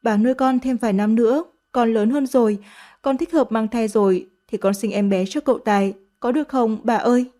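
A woman's voice: fairly high pitch, fairly even intonation, fairly quick, warm tone, close to an everyday voice. A woman voicing a fawning teenage servant girl who sweet-talks in a coaxing, sugary way. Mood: pleading.

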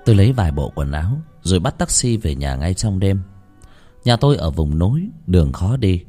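Expressive low-voiced storyteller man. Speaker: story narrator. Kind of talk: scripted ghost story narration.

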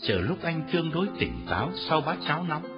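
A man narrating a story with a very expressive, varied delivery. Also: on the high side, a little fast. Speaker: audiobook narrator. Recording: dull lo-fi audio with faint music.

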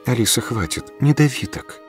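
A man voicing a gentle, reproachful woman ghost in an audiobook reading. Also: mid-range voice, moderate pace, faint music behind, voice pushed up, lightly acted. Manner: soft, chiding.

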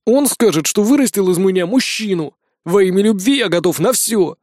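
A male audiobook reader voicing a brash lovesick seventeen-year-old boy who whines and shouts. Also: high voice, animated, normal speed, dry recording, studio quality, voice pushed up. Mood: defiant. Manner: whiny, shouting. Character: brash hot-headed teenage boy, lovesick. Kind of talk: audiobook character voice.

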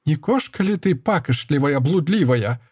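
A man's voice: a little high, lively intonation, moderate pace, a little mellow, breathy edge, no echo, studio quality, pitched above the performer's own voice. A man voicing an old peasant woman, a furious mother-in-law who speaks with a lisp and rustic dialect. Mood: scornful. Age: older. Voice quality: lisping, village dialect speech.

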